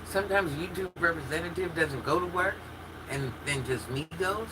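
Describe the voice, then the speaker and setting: A woman in her fifties hosts a relaxed livestream, chatting openly with her viewers and reacting to their comments. She talks candidly and laughs easily. A steady air-conditioning hum runs under her voice. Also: low voice, moderate pace. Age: 50s. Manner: chatty and candid, talks straight to chat with frequent laughs and restarts. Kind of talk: casual chat.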